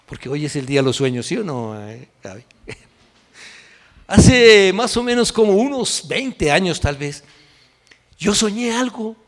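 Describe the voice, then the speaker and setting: A man preaching a sermon as pastor, telling a story in an animated, emotional way, recorded in a church hall. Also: high-pitched, unhurried, long pauses. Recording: echoey hall reverb.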